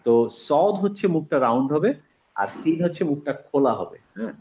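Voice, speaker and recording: A man teaching a pronunciation class over a video call, patiently repeating sounds slowly to demonstrate. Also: on the high side, very animated, darkish tone, dull audio, slight background noise. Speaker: Quran recitation teacher.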